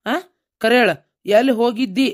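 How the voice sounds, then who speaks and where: A woman's voice: a little high, normal speed, lightly acted. A woman voicing a complaining, henpecked middle-aged village husband in a cartoon, with a North Karnataka Kannada accent. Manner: complaining, whiny grumbling. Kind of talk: cartoon comedy voice acting.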